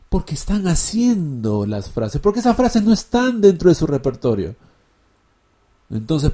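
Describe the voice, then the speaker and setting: A male English teacher explaining his method in a casual, animated spoken lesson, acting out examples and asking rhetorical questions. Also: a little high.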